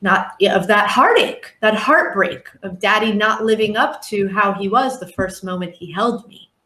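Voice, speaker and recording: A woman appears as a life coach guest on a podcast, earnest and reflective, sometimes acting out her clients' voices. Her mid-range voice is bright and forceful at a normal speed, and the recording sounds roomy.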